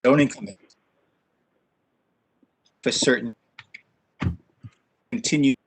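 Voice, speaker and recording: Man on a frozen, cutting-out video call, halting delivery, mid-pitch. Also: breathy edge, no echo, poor audio. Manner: halting, with many fillers and restarts. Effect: video call audio cutting out in fragments. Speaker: town official at a committee meeting. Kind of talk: remote meeting remarks.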